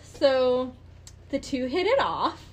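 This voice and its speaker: Woman narrating a true-crime podcast, slightly high. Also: big pitch swings, slow, slight background noise. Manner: laughing, sarcastic asides while recounting a case. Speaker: podcast host.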